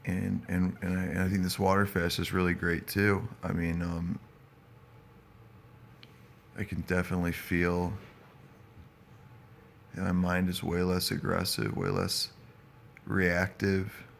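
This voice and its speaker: A man with a very low voice talks casually to his live stream. He sounds stoned, drifting and halting as he rambles along. His delivery stays fairly flat, with a gravelly fry running through it. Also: slight background noise.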